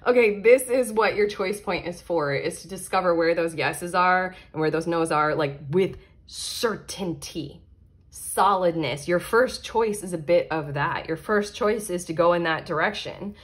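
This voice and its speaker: A woman's voice: lowish voice, measured pace. A woman giving a casual pick-a-card tarot reading as host of her own channel, talking frankly, swearing now and then and laughing at herself.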